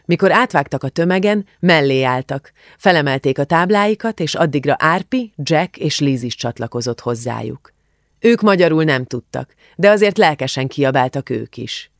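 A man reading an audiobook as narrator, telling the story in a measured, expressive way. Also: a little high, no room sound, studio quality. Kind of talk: scripted narration.

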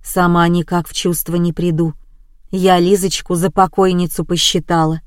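A woman's voice: lowish voice, little pitch movement, moderate pace, no echo, clean studio sound, lightly acted. A woman doing a fretful, motherly older woman. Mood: flustered. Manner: soft, sighing and motherly.

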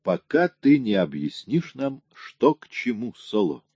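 A man's voice: fairly low pitch, very animated, a little slow, a little mellow, husky, dry recording, dull audio, pitched above the performer's own voice, heavily acted. Man voicing a cocky, mocking police detective. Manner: mocking, pressing questions.

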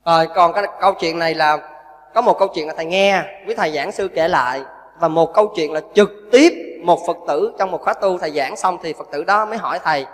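A man's voice: fairly high pitch, fairly quick, long reverb tail. A man, a Buddhist monk giving a storytelling sermon and acting out the people he quotes. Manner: storytelling, acts out quoted voices, animated.

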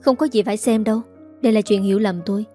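A woman's voice: mid-range voice, fairly even intonation, fast, warm tone, soft background music, close to an everyday voice. A woman voicing an earnest young man who pleads with his stepmother in a firm but pleading way.

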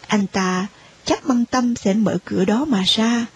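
A woman reading a story aloud in an even, unhurried narration. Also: medium pitch, husky, no room sound. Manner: slow, even storytelling with voiced dialogue.

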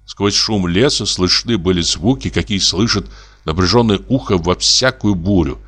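A man's voice: low voice, normal speed, a bit bright. A man narrating a classic story as an audiobook, telling it expressively. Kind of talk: literary narration.

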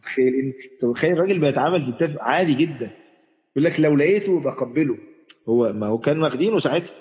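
Fast-talking Egyptian sheikh in an echoey hall. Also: male voice, fairly high pitch, lo-fi sound. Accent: Egyptian Arabic. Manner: chatty, addresses the audience directly, frequent restarts. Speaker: sheikh giving an Islamic lesson. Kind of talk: conversational religious lesson.

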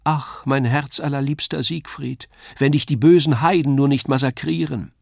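A man's voice: medium pitch, steady tone, normal speed, vocal fry, a little mellow, no room sound, studio quality, pitched above the performer's own voice. A man reading a storybook aloud, voicing a young, tender puppet noblewoman in a raised, fluttering plea. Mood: pleading.

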